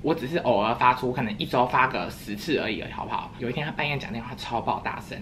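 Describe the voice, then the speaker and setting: A woman's voice: rumbling low, quick pace, noisy background. A young woman, chatting playfully in a casual eating vlog at home and breaking into silly sing-song voices. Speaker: vlogger.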